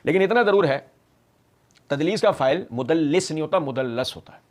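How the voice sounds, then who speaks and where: Animated sarcastic male religious lecturer. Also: on the high side. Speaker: religious scholar.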